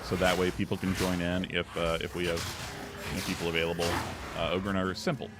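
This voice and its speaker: A man's voice: sits low, level tone, fast. A man streaming a video game, chatting casually and enthusiastically to his viewers with lots of fillers and restarts. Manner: rambling, filler-heavy, enthusiastic. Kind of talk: casual gaming livestream chat.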